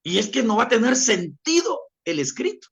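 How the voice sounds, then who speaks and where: A man's voice: extremely high pitch, very animated, moderate pace. A man teaching a class, explaining by repeating his examples and speaking straight to his listeners. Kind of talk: classroom lecture.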